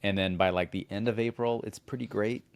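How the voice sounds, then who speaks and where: A man's voice: on the low side, fairly even intonation, fairly quick. A man co-hosting a podcast, chatting casually and then reading the show promo and guest introduction in an upbeat announcer manner. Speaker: podcast co-host.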